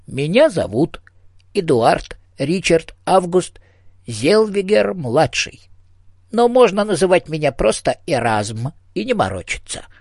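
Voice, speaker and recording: A man's voice: a little high, vocal fry, husky, dry recording, clean studio sound, voice pushed up, full character voice. A man voicing the chatty, bossy ghost of a small male hamster in an audiobook, fussy and pushy. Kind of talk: audiobook character voice.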